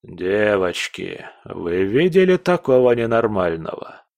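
A blustering older emperor, as a man puts him on, low and deliberately slow. He grumbles in a fussy, imperious way from a storybook reading. The sound is close and dry. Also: sing-song, creaky, a little mellow, dry recording, heavily acted. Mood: exasperated.

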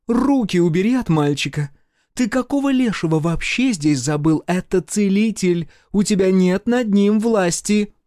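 A man voicing a fierce, sharp-tongued older woman healer who scolds and threatens, in a dry audiobook recording. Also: medium pitch, expressive, moderate pace, no echo, natural voice. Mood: scolding. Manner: shouting threats, tongue-lashing.

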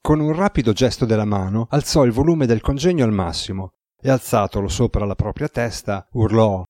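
Low-voiced male audiobook narrator. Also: fairly quick, warm tone, dry recording, studio quality. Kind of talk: scripted narration.

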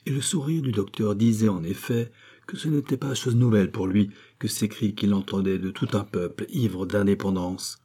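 Male audiobook narrator, fairly low voice, husky, steady and deliberate. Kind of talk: scripted narration.

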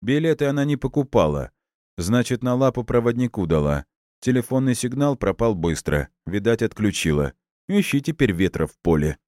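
A man voicing a smug, cynical police colonel who speaks in measured, sarcastic, deliberate words. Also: mid-range voice, big pitch swings, darkish tone, no echo, studio quality, pitched above the performer's own voice, close to an everyday voice. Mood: cold, sarcastic.

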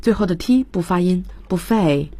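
A woman teaches vocabulary on a studio radio lesson, spelling each word out letter by letter. Her voice is low and a little husky. The sound is dry and close. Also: moderate pace, darkish tone, no echo. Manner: explains patiently, spells words letter by letter. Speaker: English teacher.

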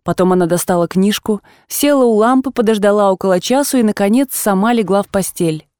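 A woman narrating a classic novel as an audiobook in a measured, even storytelling manner. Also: medium pitch, no echo, studio quality. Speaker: audiobook reader.

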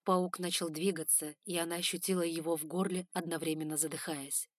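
Woman narrating an audiobook, low and dry. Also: level tone, fairly quick, no room sound. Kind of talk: scripted narration.

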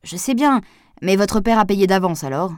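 A woman reads an audiobook in a clean studio with no echo, breezily voicing a jovial, sly male gardener. Her mid-range voice is expressive and darkish, close to an everyday voice, at normal speed.

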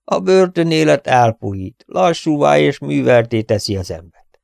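A man's voice: on the high side, big pitch swings, darkish tone, dry recording, studio quality, voice pushed up, heavily acted. A man voicing an old, wheezing former actor turned bandit, who speaks with pompous theatrical pathos. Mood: wistful. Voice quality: wheezy, rasping.

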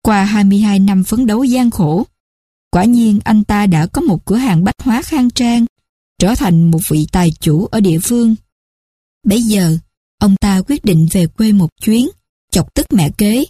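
A woman narrating a story in a steady, measured reading. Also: medium pitch, dry recording, studio quality.

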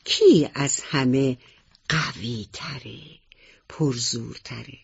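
A woman's voice: very deep voice, creaky, husky, muffled recording, voice pushed down, full character voice. Curious little boy mouse, as a woman tells it. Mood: earnest. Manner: earnest, questioning.

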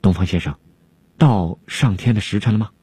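A man voicing an anxious, timid male alchemist who frets and pleads, with a husky voice. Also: on the low side, moderate pace, warm tone, dry recording. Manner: fretful, pleading.

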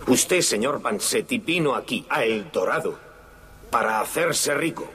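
A defiant condemned anarchist. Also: male voice, medium pitch, expressive, measured pace, sharp tone, breathy edge, heavily acted. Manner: solemn, impassioned courtroom oratory. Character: condemned Italian anarchist man, defiant, impassioned. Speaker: defendant giving a final statement in court. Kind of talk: dubbed film acting.

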